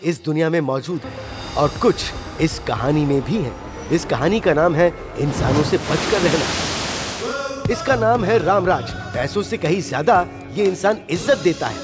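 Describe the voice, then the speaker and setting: A man's voice: a little high, expressive, a little slow, music in the background. A man giving wry, scripted voice-over narration for a dubbed film and speaking straight to the audience, with a film score behind him. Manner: wry, explanatory, addresses the audience.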